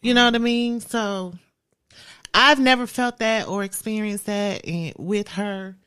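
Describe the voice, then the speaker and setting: A woman, speaking in a casual family chat, heartfelt and quick to laugh. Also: mid-range voice, fairly bright tone, clean tone, no room sound. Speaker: daughter, guest.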